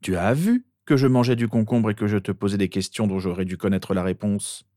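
A man's voice: lowish voice, fairly quick, warm tone, dry recording, clean studio sound, lightly acted. A man reading the part of an earnest, desperate young wizard boy. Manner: pleading, insistent.

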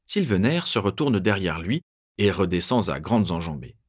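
A man reading a first-person story aloud in a measured, tense narrating voice. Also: low-pitched, very animated, husky.

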